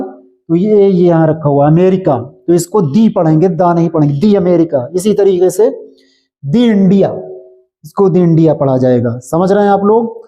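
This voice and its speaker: A man teaching English grammar in Hindi, explaining slowly and checking often that his students follow. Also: high-pitched, dark tone, muffled recording. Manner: repetitive, checks understanding often. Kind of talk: slow classroom explanation in Hindi.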